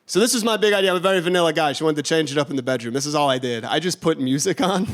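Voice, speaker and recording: A man's voice: on the high side, very fast. A young man from doing a stand-up set on a theater stage, laid-back and tagging his jokes with "you know?". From Chicago. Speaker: stand-up comedian.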